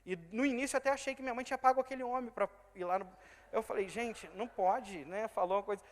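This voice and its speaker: In an echoing church hall, a man in his thirties from Rio de Janeiro state preaches his testimony in Brazilian Portuguese. He talks fast in a high voice, dramatizing those he quotes by shifting from loud to soft as he narrates.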